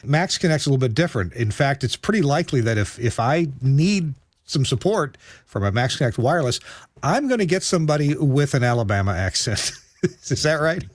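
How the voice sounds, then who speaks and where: Male host for technical interview, middle pitch, articulate and orderly, dry sound. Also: sing-song, fairly quick, no echo. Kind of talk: measured conversational interview.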